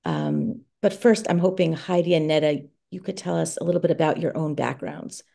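Woman with a deep, gravelly, dark voice. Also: sing-song, normal speed. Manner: hesitant, many ums and you knows. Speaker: moderator. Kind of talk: casual moderating. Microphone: video call.

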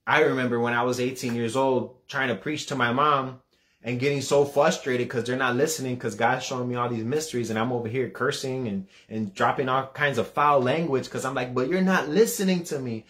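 A man's voice: medium pitch, fairly even intonation, brisk, fairly bright tone. A man in his thirties sharing a fervent personal religious testimony, earnest, repeating himself as he builds. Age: 30s. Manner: earnest and fervent, repeating words and voice rising when retelling.

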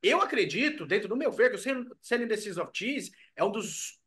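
A young Brazilian man on a home video call, co-hosting in chummy, slangy, animated talk about an album. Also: high voice, fairly quick. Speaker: co-host. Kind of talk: casual album review chat. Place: home room. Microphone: video call webcam.

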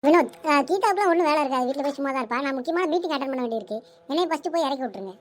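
A woman's voice: high voice, expressive, very fast, slight background noise. A woman voicing several characters in a cartoon drama, dramatic and plaintive. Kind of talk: cartoon voice acting, many roles.

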